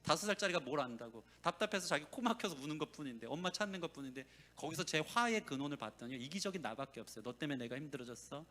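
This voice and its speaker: A man's voice: a little high, fast, hardly any pauses. A male pastor preaching a sermon and telling a family story, acting out the people he quotes. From South Korea. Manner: animated storytelling, acts out quoted voices.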